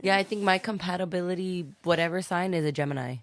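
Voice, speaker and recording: A woman with a Southern US accent chats easily as a podcast guest. Her voice sits a little low and has a gravelly, fry-edged texture. The studio sound is close and dry. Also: fast, no room sound. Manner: chatty, talks at length. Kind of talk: casual chat.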